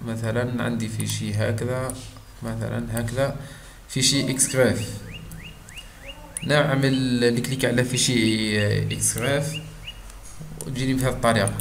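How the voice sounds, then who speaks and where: A man with an Algerian Arabic accent walks through a software tutorial in a steady middle-pitched voice, stopping often on long fillers and slipping French terms in. He sounds like he is in a roomy space, with a faint background hiss. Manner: hesitant, frequent drawn-out fillers, mixes in French terms. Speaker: software instructor. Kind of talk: screen-recorded software tutorial.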